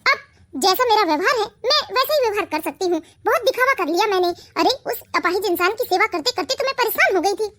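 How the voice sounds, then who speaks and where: A scheming young wife in an animated family cartoon, voiced by a woman. She sounds very high and thin, and she talks in a snappish, sarcastic way. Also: fast talker. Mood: gloating. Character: scheming young pregnant wife, sharp-tongued and irritable.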